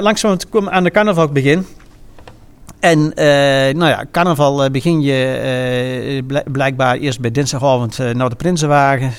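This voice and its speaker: A man with a regional eastern Dutch accent reminiscing informally, speaking in a halting way and often pausing mid-sentence. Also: mid-range voice. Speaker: former carnival prince and innkeeper recounting his carnival.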